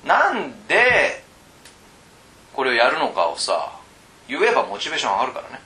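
A man training teachers in a casual lecture, chatting with the room, asking questions and swinging between loud and hushed. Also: medium pitch, huge pitch swings, moderate pace, slight background noise. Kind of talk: lecture to tutors. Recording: roomy echo.

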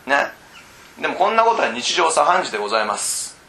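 A man coaching cram school teachers in a casual lecture, teasing them bluntly and often pausing to ask whether they follow. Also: a little high, big pitch swings, gravelly, sharp tone, a little hiss or hum. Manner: keeps checking in with rhetorical asides.

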